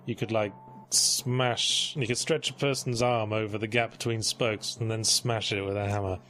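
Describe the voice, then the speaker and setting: A man's voice: on the low side, fairly even intonation, normal speed. Sardonic man riffing on a retro game. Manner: sardonic and profane. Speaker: co-commentator. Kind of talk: casual gaming commentary.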